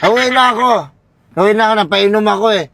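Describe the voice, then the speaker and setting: A man's voice: high voice, gravelly, background noise. A man playing a drunk passenger who rambles, stalls and repeats himself in a comedy skit. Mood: rambling. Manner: slurred, halting, repeats himself, touchy. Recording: music playing underneath.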